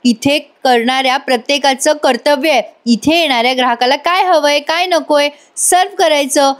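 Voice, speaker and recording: A woman voicing a sharp-tongued young woman, quick to anger, who scolds in a high, thin voice as she reads the lines of a scene aloud. Her tone stays snappy and cross throughout. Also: lightly acted. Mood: irritated.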